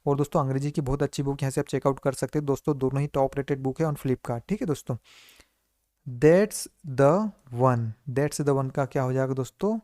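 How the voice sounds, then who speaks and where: A man teaching spoken English in Hindi, who keeps calling his viewers friends and asks and answers his own questions, slowing down to drill each English phrase. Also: medium pitch, steady tone, mellow, dry recording, clean studio sound. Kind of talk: Hindi-medium English lesson, repeat-after-me drills.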